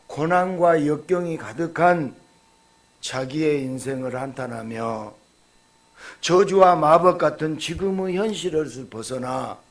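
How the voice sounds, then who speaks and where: A man preaching a sermon as pastor, emphatic and folksy, with loud proclaiming exclamations. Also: on the high side. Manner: folksy, telling jokes to the congregation.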